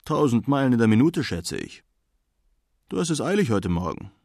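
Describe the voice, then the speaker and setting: A man voicing a cheerful, eccentric old Man in the Moon who calls out loudly and excitedly. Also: medium pitch, normal speed, creaky, no room sound, clean studio sound. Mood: chatty.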